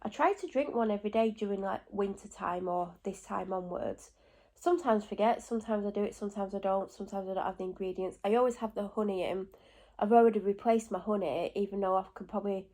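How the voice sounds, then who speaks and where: This woman has a medium-pitched, slightly mellow voice, stuffy and congested from a cold. She rambles through a casual vlog at home, full of asides and self-corrections.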